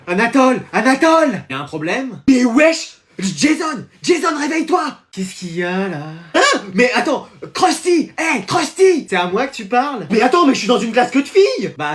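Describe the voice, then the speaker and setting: A young man performing comedy sketches, playing every character himself in quick back-and-forth exchanges with slangy exclamations. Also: sits high.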